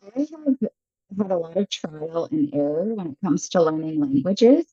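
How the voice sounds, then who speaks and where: This thirty-something English teacher from Michigan, USA, chats casually as an interview guest and laughs frequently. Her voice is fairly low and warm, very animated, at a normal speed. There's no room sound, but the highs are cut off.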